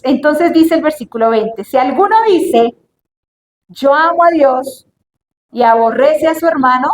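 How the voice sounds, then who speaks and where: A woman teaching from the Bible in an earnest way, dropping to a hushed voice when she acts out prayers. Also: high voice. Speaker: preacher. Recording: echoey room with faint noise.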